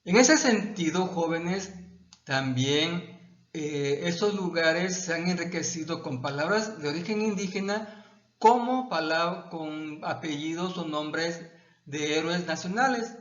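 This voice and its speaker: A male Mexican history teacher explaining a textbook lesson to his students, pausing and restarting his phrases. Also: a little high, a bit bright. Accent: Mexican Spanish. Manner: halting, repeats words and restarts, addresses students as "jóvenes". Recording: echoey, dull lo-fi room sound.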